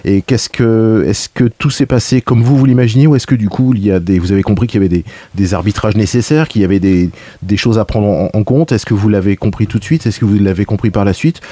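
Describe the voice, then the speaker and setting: A man's voice: on the low side, fast, warm tone. A man hosting a radio interview in a studio, asking long, hesitant, rambling questions. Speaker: radio host.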